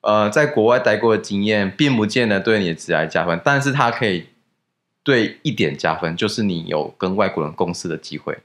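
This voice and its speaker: A man's voice: on the low side, lively intonation, fairly quick, fairly bright tone. A young man, a guest in a casual podcast chat, who explains things at length and laughs easily.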